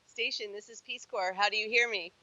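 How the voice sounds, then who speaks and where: A woman's voice: medium pitch, fairly even intonation, fairly quick, bright, forceful tone, highs cut off. A woman hosting a live link-up event as a representative, upbeat and chatty. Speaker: event host, Peace Corps representative.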